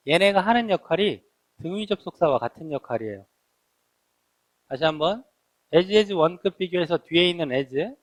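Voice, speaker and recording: A middle-aged man teaching a recorded test-prep English grammar lecture, explaining step by step and often asking the students questions. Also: on the high side.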